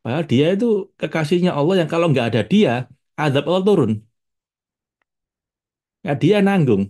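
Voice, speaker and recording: A man's voice: fairly high pitch, expressive, fairly quick, darkish tone. A man, giving a casual spiritual talk as a religious teacher, chatty and addressing his audience directly with frequent laughs.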